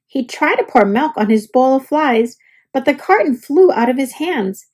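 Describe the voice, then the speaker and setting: A woman with a high voice reads a children's picture book aloud, narrating deliberately and expressively for young listeners.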